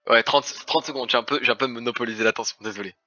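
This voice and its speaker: Man, game player on voice chat; sharp bright tone, theatrical formal accuser, lo-fi sound. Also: mid-range voice, steady tone, fast talker, no echo. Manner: theatrical, formal "mon cher" lecturing, stumbling restarts. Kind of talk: heated game accusation speech. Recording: dry, dull lo-fi voice chat.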